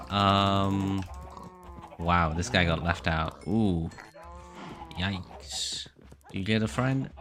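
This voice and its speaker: A man in his early twenties chatting casually to his live-stream viewers while playing, rambling and poking fun at himself. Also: on the low side. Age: about 21. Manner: rambling, self-mocking, joking chatter.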